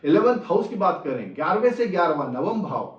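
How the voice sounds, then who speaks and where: A man's voice: high voice, big pitch swings, a little fast. A middle-aged man gives an explanatory lecture as an astrologer, mixing phrases into his Hindi and repeating his key points. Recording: roomy, distant, slightly dull sound.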